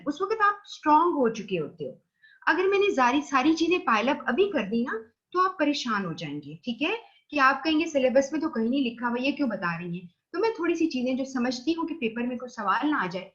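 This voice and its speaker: A woman's voice: high-pitched, fairly bright tone, lo-fi sound. A woman with a Pakistani accent giving a recorded online lecture. She explains slide points, mixes in English terms, and checks in with her students.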